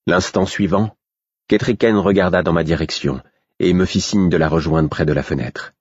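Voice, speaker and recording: A man reading a fantasy novel aloud in the first person, steady and restrained, in a slightly dull recording. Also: deep voice, normal speed, breathy edge, no echo. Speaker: audiobook narrator. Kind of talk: scripted narration of a fantasy novel.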